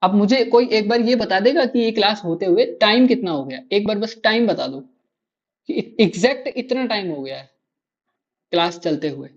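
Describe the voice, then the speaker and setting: A man's voice: high voice, lively intonation, moderate pace, muffled recording. Drilling, quizzing male maths teacher. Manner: quizzes students with constant rhetorical questions; repeats key answers to drill them in. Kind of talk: live online class lecture.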